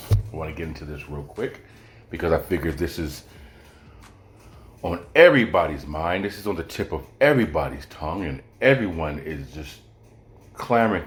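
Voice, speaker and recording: Very deep-voiced yet animated, this host talks at a moderate pace while casually kidding around with his podcast listeners. The solo chat is recorded in an echoey room with faint music.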